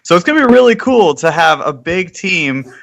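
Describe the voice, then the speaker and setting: Upbeat jokey guy hosting a gaming podcast, bright voice. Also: sits high, very animated, normal speed, vocal fry, dull audio. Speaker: podcast host. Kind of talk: casual chat.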